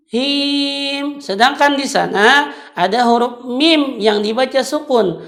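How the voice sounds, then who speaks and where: A woman teaching Quran recitation, patiently explaining and chanting drawn-out example syllables. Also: on the high side.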